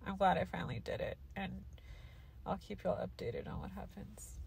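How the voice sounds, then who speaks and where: A young woman records a relaxed recovery vlog in a parked car with her phone at arm's length, some slight background noise present. Her fairly low, gravelly, slightly mellow voice swings hugely in pitch at a moderate pace, nasal and congested after sinus surgery and loopy, drowsy from medication.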